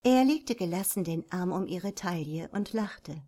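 A woman reading a romance novel aloud in a measured, even storytelling voice. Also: on the low side. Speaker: narrator. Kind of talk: scripted audiobook narration.

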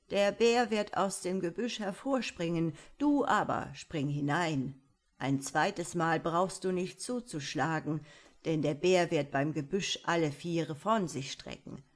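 A woman voicing a little old grey man of the forest who calmly gives instructions. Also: low voice.

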